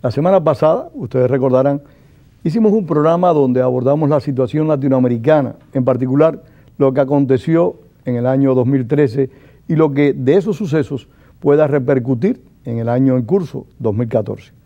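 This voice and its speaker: A male television journalist conducting a formal interview, speaking in a measured, deliberate way. His voice sits at an ordinary middle pitch. The broadcast recording sounds dull and lo-fi. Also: mellow.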